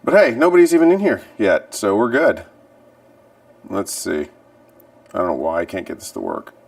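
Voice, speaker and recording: A man's voice: lowish voice, gravelly, distant mic. A man doing a casual livestream from his cluttered garage, chatting and muttering to himself while he fiddles with the settings. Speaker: livestreaming vlogger.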